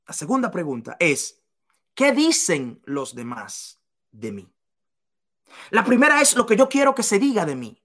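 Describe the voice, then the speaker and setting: A woman giving a motivational seminar talk to business leaders, emphatic and repeating key phrases to the listener. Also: mid-range voice.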